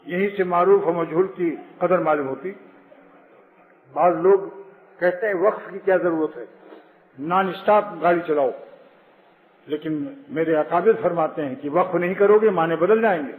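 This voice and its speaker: A man giving a religious sermon, explaining his points and telling anecdotes. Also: high-pitched. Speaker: preacher. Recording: phone-like with long hall reverb.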